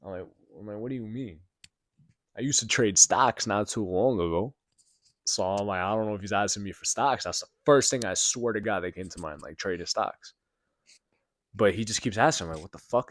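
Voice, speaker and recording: Young male podcast host, deep voice, dry room, loose rambling storyteller who swears, gets loud when shocked. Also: brisk, no echo. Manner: rambling, heavy filler words and profanity. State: recovering from sickness. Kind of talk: casual solo storytelling. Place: apartment building room.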